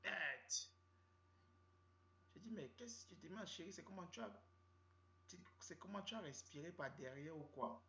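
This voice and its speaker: In a roomy, dull lo-fi recording with slight background noise, a comedian with a Cameroonian French accent tells a rambling, slangy, repetitive comic story. His high voice is expressive, bright and forceful, unhurried, with vocal fry and frequent pauses.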